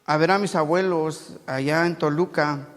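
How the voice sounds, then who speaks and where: A man from Mexico City with a Mexico City Spanish accent, preaching a sermon and moving between loud preaching and quiet conversational asides. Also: fairly high pitch, moderate pace, big-room sound. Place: church hall.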